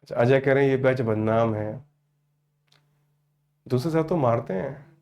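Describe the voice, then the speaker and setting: A man's voice: medium pitch, a little slow, a little mellow. A man in his fifties, a teacher chatting and teasing with students in an online class, often calling them "beta". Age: 50s.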